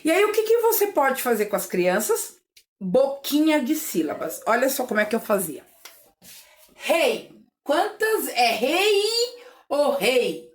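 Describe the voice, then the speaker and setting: A Brazilian woman teaching families how to read nursery rhymes with children, chanting words slowly syllable by syllable between explanations. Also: on the high side, big pitch swings. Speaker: literacy teacher. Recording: echoey room.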